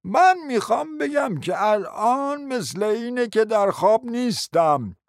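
A doddering, forgetful old prince in a radio play. His voice sits very high and gravelly and swoops all over the place, and he stammers and repeats himself. The studio sound is dry. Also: animated, no room sound. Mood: flustered. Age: older. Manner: stammering, repeats "yes, well" fillers.

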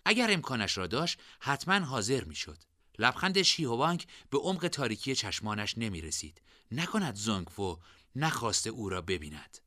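A male narrator reads a novel chapter with expressive storytelling. His pitch moves lively through each sentence and his tone is bright, recorded dry and close. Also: no echo.

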